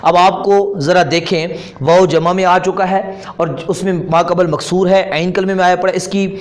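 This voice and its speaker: A man's voice: sits high, steady tone, moderate pace. A man with a Pakistani Urdu accent teaching Arabic grammar in a classroom lesson, patiently repeating terms and asking questions that he answers himself.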